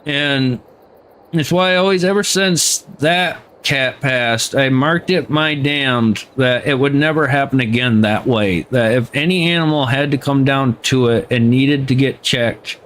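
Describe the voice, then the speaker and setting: A man's voice: mid-range voice, a little slow, a bit bright, slight background noise. A man streaming a game, ranting heatedly in casual chat and swearing freely. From United States.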